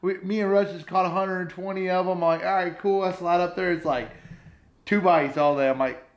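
A man's voice: high-pitched, fairly quick, highs cut off. A man, chatting casually and joking with friends in a living room at night. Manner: laid-back, joking, excitable. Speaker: vlog host, pro angler. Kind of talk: casual chat.

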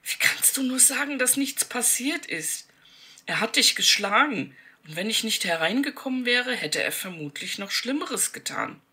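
A woman's voice: on the low side, very animated, a little slow, sharp tone, slightly rough, heavily acted. A woman voicing a brave, caring seventeen-year-old girl who speaks urgently and with indignation. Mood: indignant.

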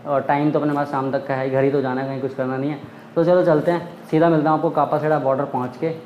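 Young vlogger man, a bit high-pitched, echoey, loud street noise. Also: level tone, fast talker, lo-fi sound. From India. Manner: chatty, talks straight to camera with hand gestures. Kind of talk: casual travel vlog. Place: busy roadside outdoors in summer heat; small room at home. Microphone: phone camera at arm's length. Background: street traffic.

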